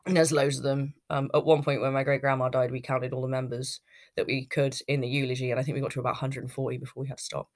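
A woman's voice: very deep voice, little pitch movement, fast, a little mellow. A British woman in her thirties hosting a podcast, telling her own story in a casual, unscripted, rambling way. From United Kingdom. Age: 30s. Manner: rambling, chatty, self-interrupting. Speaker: podcast host.

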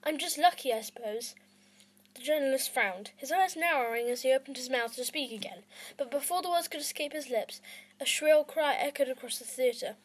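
A woman's voice: sits high, fairly quick, breathy edge, poor audio. Self-conscious woman reading a story aloud. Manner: self-conscious, stumbling over words. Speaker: podcast host and reader. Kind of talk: amateur audiobook reading.

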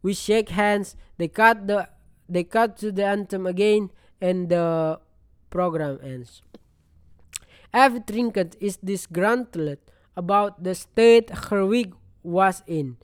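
Reader going through a novel out loud, slow, stumbles and restarts, clear voice. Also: mid-range voice, no echo, clean studio sound. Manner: slow, halting reading with restarts. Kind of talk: reading a novel aloud.

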